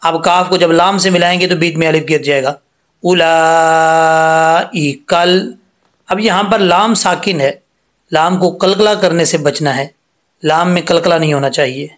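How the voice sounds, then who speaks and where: A man teaching Quran recitation rules step by step, explaining patiently and reciting each word slowly with drawn-out vowels. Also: on the high side, fairly even intonation. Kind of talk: step-by-step tajweed lesson.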